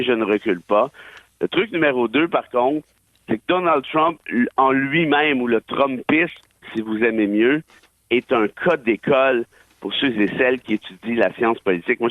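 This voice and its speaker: A man's voice: medium pitch, no echo. A man with a Québécois accent giving emphatic, opinionated radio commentary with wry asides. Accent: Québécois French. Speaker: political and legal commentator. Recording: tinny dry phone line.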